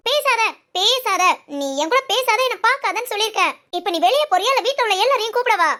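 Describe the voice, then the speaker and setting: ஒரு பெண் நடிக்கும் கணவனிடம் கோபித்துக்கொண்ட இளம் மனைவி, மிக உயர்ந்த குரல், கூர்மையாகத் திட்டும் பேச்சு. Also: female voice, very high voice, expressive, quick pace, exaggerated voice. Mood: scolding. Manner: sharp scolding, then soft musing alone. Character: young wife sulking at her husband. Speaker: actress in a village family skit. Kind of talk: comic family drama acting.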